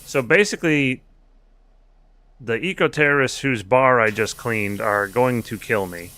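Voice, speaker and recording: Chatty and profane, a man jokes his way through casual commentary while streaming a game. He speaks a little slowly, with a medium-pitched voice and a sharp tone.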